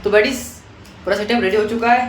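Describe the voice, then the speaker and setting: A young man vlogging casually to his phone camera, chatty, sometimes dropping to a hushed voice. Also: high-pitched, fairly even intonation, fast, over loud music, low-quality recording. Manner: chatty, repeats a filler word, drops to a hushed voice near the mosque. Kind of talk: casual vlog chat to camera. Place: outdoors and at home, walking around.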